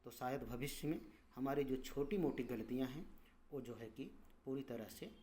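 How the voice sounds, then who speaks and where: A man with a mellow, mid-range voice teaches English pronunciation slowly and patiently. He repeats each word along with its meaning, drawing out the vowels as he explains.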